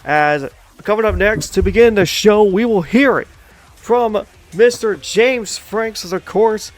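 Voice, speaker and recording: A man's voice: high voice, slow. Upbeat male wrestling show commentator. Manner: hype announcer tone, addresses folks, chatty with co-host.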